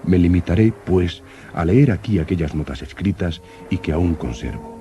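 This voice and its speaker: An actor playing an earnest, curious young explorer who narrates his expedition diary like an old radio serial announcer, in formal, measured diction. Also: sits low, animated, warm tone, dull audio, slight background noise. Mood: earnest narration. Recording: old radio drama with music.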